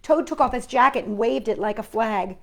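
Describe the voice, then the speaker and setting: Reading children's stories and poems aloud with expression, this storytime host speaks directly to her young listeners. Her voice is on the high side, a bit bright, and a little fast.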